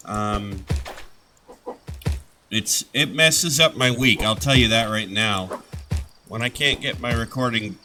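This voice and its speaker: A man with a mid-range voice hosts a gaming channel, chatting casually over gameplay while recovering from a head cold, rambling and restarting his sentences.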